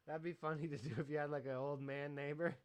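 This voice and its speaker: A man's voice: on the high side, smooth. A young man streaming from a music studio, rambling casually, swearing and laughing often. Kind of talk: casual livestream chat.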